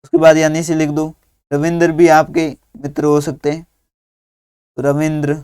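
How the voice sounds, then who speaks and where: Slow, patient man dictating a lesson. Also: fairly high pitch, monotone, a little mellow, clear, resonant tone, no echo, clean studio sound. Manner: slow, patient dictation, spelling out words one at a time. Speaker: teacher. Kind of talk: workbook lesson for young children.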